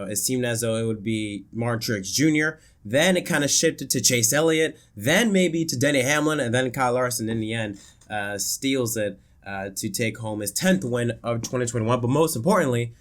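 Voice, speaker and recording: A man's voice: medium pitch, fairly bright tone. Congested man reviewing a race. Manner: chatty, many fillers and restarts. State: congested, voice worn from illness. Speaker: racing commentary YouTuber.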